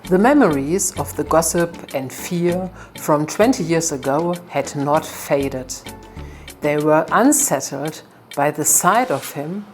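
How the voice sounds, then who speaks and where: A woman narrating a folktale in a calm, measured storytelling manner. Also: low voice, soft background music.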